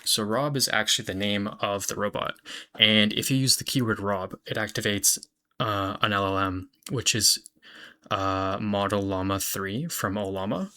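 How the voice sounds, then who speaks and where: A young man casually walking through a software demo of his own project, explaining in a relaxed, chatty way with fillers and self-corrections. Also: lowish voice, normal speed, clean tone.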